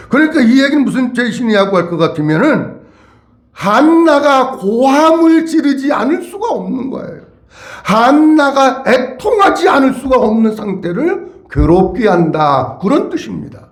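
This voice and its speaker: A male pastor preaching a sermon to his congregation, emphatic and repeating key words, with many questions to his listeners. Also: extremely high pitch. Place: church sanctuary. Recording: echoey church hall.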